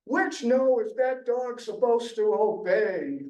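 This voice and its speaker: A gruff police dog trainer barking stern orders, as a man reads him out. The voice rises high and sharp with shouted force. It sounds roomy and set back from the mic. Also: takes it slowly, muffled recording. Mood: stern shouting. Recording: echoey room, distant mic.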